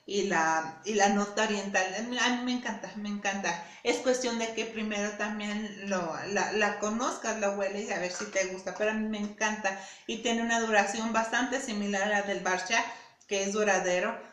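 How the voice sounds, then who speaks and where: A woman's voice: medium pitch, steady tone, normal speed, fairly bright tone, echoey room. A woman reviewing perfumes in a casual, chatty way, often repeating herself and asking "¿sí?". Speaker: beauty vlogger.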